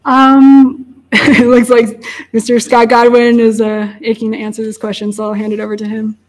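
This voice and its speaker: A woman's voice: fairly high pitch, monotone, moderate pace. A young woman from California giving a public outreach talk and answering audience questions in a friendly, apologetic way, with frequent ums. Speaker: invasive species outreach speaker.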